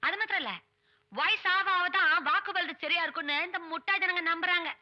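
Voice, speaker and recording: Fortune-teller part for a film comedy: a boastful, jumpy con artist with quick banter, very high and bright. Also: female voice, lo-fi sound, full character voice. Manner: quick comic banter, mock bravado. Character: boastful comic fortune teller, easily scared. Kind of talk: Tamil film comedy dialogue.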